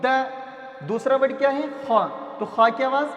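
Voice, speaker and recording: A man teaching children to read letters, sounding out syllables slowly and asking and answering his own questions. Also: very high voice, a bit bright, lo-fi sound. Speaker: Quran reading teacher. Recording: echoey room.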